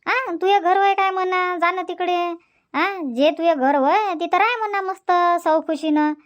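A woman's voice: very high-pitched, a little slow, muffled recording. A woman voicing a fiery, sympathetic village neighbour in a cartoon comedy, emphatic and indignant.

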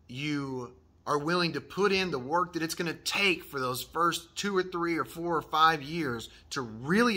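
On his HVAC trade advice channel, a man in his thirties responds to a viewer email with earnest encouragement, restating his key points. His voice is on the high side, bright and forceful. He's filmed close in a decorated workshop room.

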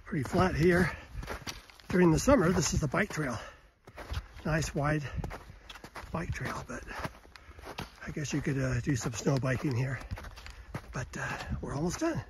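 An older man talks as he walks a snowy mountain trail, his voice a little high for a man. He speaks in a relaxed, plain way with pauses. The phone picks up clear wind and handling noise around him. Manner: relaxed, plain, with fillers and pauses while hiking. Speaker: hiker vlogging his own hike. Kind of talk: casual narration while walking. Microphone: phone camera held at arm's length.

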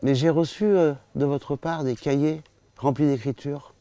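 A man's voice: a little high, steady tone, a little slow, dark tone, dry recording, pitched above the performer's own voice. A man recounting an older writer, courteous. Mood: pleased. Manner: polite and formal. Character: older male famous writer on the phone, courteous.

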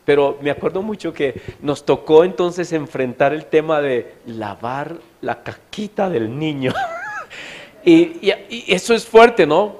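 A man's voice: on the high side, lively intonation, a little slow, a little hiss or hum. Chatty Colombian man preaching. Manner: chatty storytelling, asks the audience questions. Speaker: pastor. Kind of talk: sermon. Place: church meeting hall.

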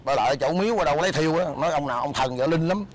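An actor playing a scheming, bossy beggar husband in a comedy sketch, scolding in loud banter. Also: male voice, fairly high pitch, very fast, close to an everyday voice. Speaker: comic actor.

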